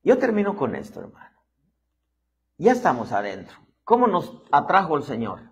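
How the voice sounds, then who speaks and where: A man delivers a lively sermon in a slightly high, husky voice. His pitch swings widely as he acts out little scenes and voices. He keeps addressing the listeners as "hermano". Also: normal speed. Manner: animated preacher acting out voices, constantly saying "hermano". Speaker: apostle preaching.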